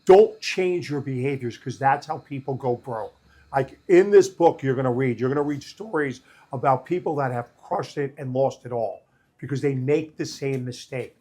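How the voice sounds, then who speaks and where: A man hosting a finance panel, emphatic and quick with short affirmations. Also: medium pitch, mellow. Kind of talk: panel discussion.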